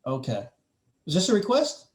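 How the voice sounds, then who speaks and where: A man's voice: a little high, normal speed. A man hosting a music reaction video, chatting casually and joking with his co-host. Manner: joking, animated banter.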